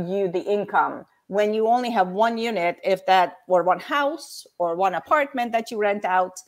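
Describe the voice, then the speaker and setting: This guest is a fiftyish Hungarian woman whose accent reflects her background and whose voice sits in the mid range. She lays things out step by step during a casual chat.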